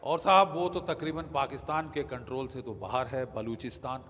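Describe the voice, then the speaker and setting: An older man giving emphatic news commentary as a defence expert, pausing with hesitations and mixing in English phrases. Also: medium pitch, steady tone, fairly bright tone, in a large hall.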